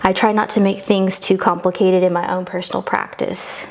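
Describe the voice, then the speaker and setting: A woman's voice: mid-range voice, little pitch movement, normal speed. A woman yoga instructor guiding a class through poses in an encouraging, reassuring and informal way.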